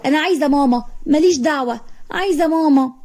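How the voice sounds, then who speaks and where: A woman's voice: high voice, fast talker, darkish tone, pitched above the performer's own voice. A woman doing a whiny little Egyptian girl. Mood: whining. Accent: Egyptian Arabic. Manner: whining, clingy. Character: small stubborn girl throwing a tantrum.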